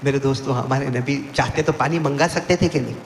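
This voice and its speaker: A man preaching an impassioned sermon at a live gathering, prompting the seated crowd to call back praise and swinging between soft pleading and high cries. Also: fairly even intonation, slight background noise. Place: religious gathering before a seated audience. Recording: echoey hall with long reverb, faint ambience.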